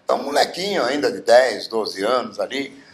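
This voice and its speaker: With lively intonation and a medium pitch at normal speed, a guest singer in his seventies from Bauru, Brazil, tells stories in a relaxed interview. He uses lots of fillers, and the room gives the audio a noticeable echo.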